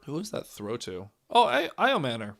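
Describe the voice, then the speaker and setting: With huge pitch swings and a moderate pace, a hoarse young man with a raspy, cracking voice calls a game live and casually, reacting as he goes and moving from loud calls to low muttering.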